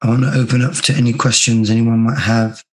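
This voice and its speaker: A man with a hoarse, croaky sore-throat voice, teaching an online religious class in a measured, deliberate way. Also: medium pitch, level tone. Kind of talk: online class lecture with reading aloud. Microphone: video call.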